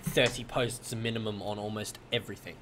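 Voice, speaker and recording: A blunt, animated man chatting casually on a game stream. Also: on the low side, fairly quick, faint music behind.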